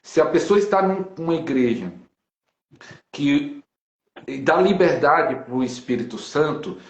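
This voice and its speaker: A man with a Brazilian accent, a pastor, talking emphatically on a live video call and slowing down to quote scripture. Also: on the high side, sing-song, echoey room, dull audio. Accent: Brazilian Portuguese.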